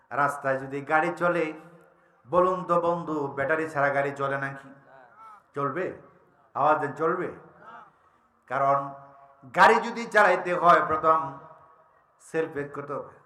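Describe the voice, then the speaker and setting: A man preaching a sermon, calling out questions to his listeners and swinging from low talk to shouted, chanted lines. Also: roomy sound. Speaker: Islamic preacher. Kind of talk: Bengali waz sermon.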